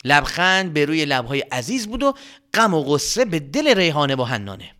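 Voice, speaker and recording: A man narrating a children's story, animated, with exclamations and dramatic whispers. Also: fairly high pitch.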